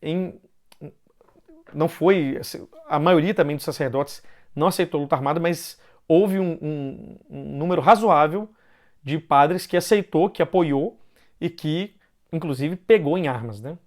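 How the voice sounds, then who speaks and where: Brazilian man with a higher voice. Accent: Brazilian Portuguese. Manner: conversational, often ends phrases with a questioning "né"; loosely paced with pauses and restarts. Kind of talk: informal explanatory talk.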